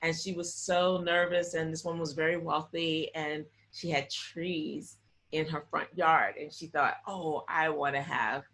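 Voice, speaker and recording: A woman guest in a casual interview, telling stories in an animated way and often checking in with "right?". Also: deep voice, unhurried.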